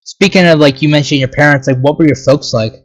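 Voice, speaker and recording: A man's voice: on the high side, fast. A young man hosting a podcast interview, asking tentative, rambling questions. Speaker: podcast host. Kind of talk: casual interview.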